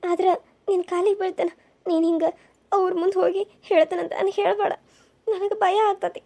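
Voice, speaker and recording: A woman voicing a guilty, pleading young mistress in a cartoon serial, speaking quietly. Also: very high voice, level tone, fairly quick.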